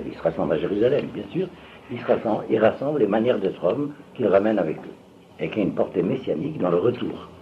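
Older guy giving a religious talk, lowish voice, keeps asking "you follow?", muffled old tape. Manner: digressive, keeps checking if listeners follow. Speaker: religious teacher. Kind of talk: lecture to an audience. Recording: dull lo-fi recording with faint room noise.

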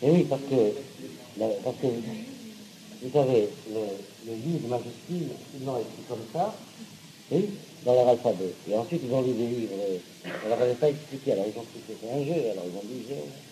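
A man's voice: medium pitch, animated, normal speed, mellow, a little hiss or hum, rough recording. A man teaching a class, often checking that listeners follow, hesitant with fillers and blunt, sarcastic asides. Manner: hesitant, with fillers and repeated words. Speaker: teacher of Hebrew and Torah. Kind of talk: classroom lecture.

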